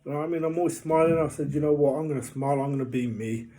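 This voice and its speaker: Rambling upbeat man, mellow voice. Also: a little high, rapid-fire. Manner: rambling, upbeat, jokey, full of fillers. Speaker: vlogger. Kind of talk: casual vlog monologue.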